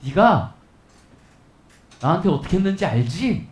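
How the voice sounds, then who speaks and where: A man's voice: sits high, big pitch swings, measured pace, reverberant, voice pushed down. A male pastor voicing an arrogant, taunting Assyrian king who speaks down to his rival in a mocking, casual tone. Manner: mocking, condescending, casual speech.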